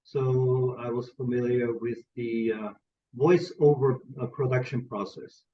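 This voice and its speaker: An Austrian-accented man talks as a guest producer in an interview, earnest and a little hesitant, leaning on filler sounds between thoughts. His voice sits at a middling pitch. The audio is dull and lo-fi, and he sounds set back from the microphone. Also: fairly even intonation, measured pace, far from the mic, slight background noise. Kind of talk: interview conversation.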